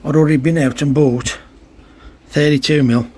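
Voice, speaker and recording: A man's voice: fairly high pitch, fairly even intonation, moderate pace, darkish tone. A man rambling in an exasperated, chatty way about his pond pump, filming on a phone outdoors in heavy rain. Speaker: hobbyist koi keeper. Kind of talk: casual vlog narration. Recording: faint rain noise behind. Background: rain and outdoor ambience.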